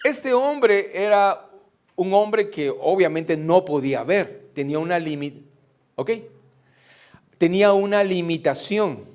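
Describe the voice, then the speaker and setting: A man's voice: high voice, expressive, slow, a little mellow. A middle-aged man preaching a sermon, putting rhetorical questions to his congregation. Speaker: pastor.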